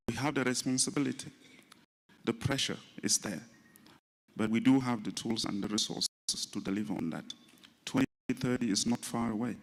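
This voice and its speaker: A man giving a formal closing speech at a conference. He speaks in a measured, rallying way and repeats his key phrases. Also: medium pitch, creaky. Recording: long reverb in a large hall.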